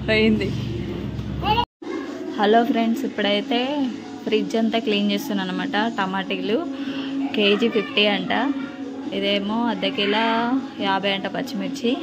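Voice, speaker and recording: A woman's voice: mid-range voice, level tone, moderate pace, long pauses, loud music behind the voice. A woman, vlogging casually at home and bossing her children through homework. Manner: scolding, bossy with children. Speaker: vlogger and mother. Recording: noisy home recording.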